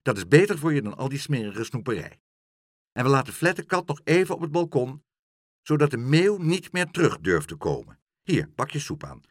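Husky-voiced strict mom, bossy and brisk, man doing her for a storybook. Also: medium pitch, very animated, dry recording, studio quality, voice pushed up. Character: strict fussy mother, middle-aged woman.

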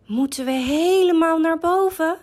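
A woman voicing an excited young male frog in a storybook, eager and full of wonder. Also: extremely high pitch, unhurried, voice pushed up.

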